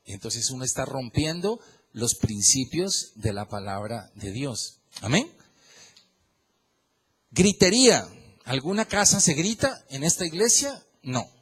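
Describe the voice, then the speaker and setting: A man preaching a sermon in church, swinging from loud emphatic questions to quiet prayerful tones. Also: mid-range voice, big pitch swings, unhurried, breathy edge. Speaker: pastor.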